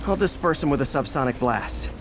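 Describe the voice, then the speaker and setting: A man's voice: medium pitch, animated, a little fast, music in the background, natural voice. An actor playing a quippy young male superhero who thinks aloud in a video game, with an American accent and a chatty, earnest, wry manner. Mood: wry, focused. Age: young adult. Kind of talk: video game voice acting, self-narrating.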